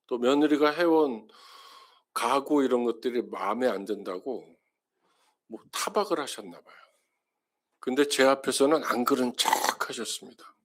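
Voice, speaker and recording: Korean pastor telling family stories. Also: male voice, mid-range voice. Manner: storytelling, acting out family dialogue in quoted voices. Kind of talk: sermon. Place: church sanctuary.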